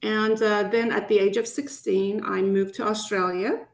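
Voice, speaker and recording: Echoey, gravelly-voiced woman on a video call. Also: medium pitch, flat delivery. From Iran. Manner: measured, with frequent pauses and fillers. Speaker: guest, retired rheumatologist. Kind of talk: interview conversation.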